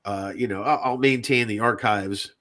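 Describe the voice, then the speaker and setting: Bright and forceful, his voice sits on the low side and moves at a moderate pace. He's a podcast host and indie fiction writer whose casual talk is rambling, repetitive, sweary and self-deprecating.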